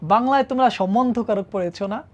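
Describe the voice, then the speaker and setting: A woman's voice: fairly high pitch, fast. A woman teaching Arabic grammar to students in a classroom-style lesson, patiently asking them questions and checking that they follow. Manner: patient, asks the class questions and often checks with "ঠিক আছে?".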